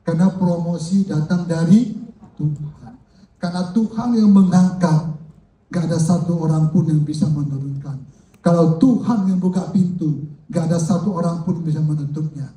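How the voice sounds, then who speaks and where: An older man preaches to his congregation in a lively, joking way. His voice sits high but has a mellow, dark tone. The sound is roomy and echoey, picked up from a distance in a church hall. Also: normal speed. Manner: lively, jokes with the congregation and calls out to them. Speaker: pastor. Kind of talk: sermon. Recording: echoey hall, mic from far off.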